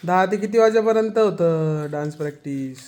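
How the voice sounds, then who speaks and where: A man's voice: fairly high pitch, moderate pace, a little mellow, soft background music. A young man vlogging casually at home, teasing his family and chatting straight to his viewers. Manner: playful, teasing, addresses viewers directly. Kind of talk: casual family vlog chat.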